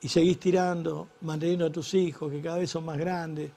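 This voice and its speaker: A man's voice: on the high side, flat delivery, a little fast, vocal fry, dark tone. A middle-aged man with an Argentine Rioplatense accent, telling a crude, exasperated stand-up comedy story. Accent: Argentine Rioplatense Spanish.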